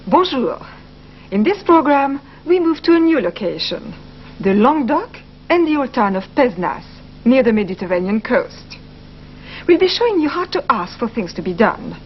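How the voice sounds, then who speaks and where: A woman's voice: a little high, sing-song, moderate pace. A woman presenting a language course, carefully explaining and repeating phrases for learners. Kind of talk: scripted educational narration. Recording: slightly muffled broadcast audio, faint hiss.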